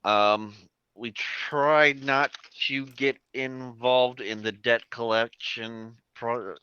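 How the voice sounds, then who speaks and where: A man's voice: mid-range voice, steady tone, very slow, sharp tone, clean tone, highs cut off. A man narrating as game master of a tabletop game, rambling with many fillers.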